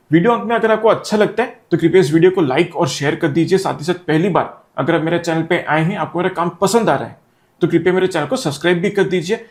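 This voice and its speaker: High-voiced man reviewing perfumes. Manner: explanatory, mixing Hindi and English. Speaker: fragrance reviewer. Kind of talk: product review talk to camera.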